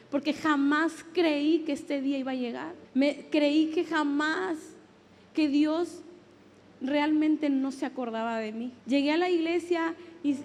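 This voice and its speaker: Mexican woman pastor, high voice, heartfelt sermon in a reverberant church hall. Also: a little mellow. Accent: Mexican Spanish. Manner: emotional testimony, repeats phrases for emphasis.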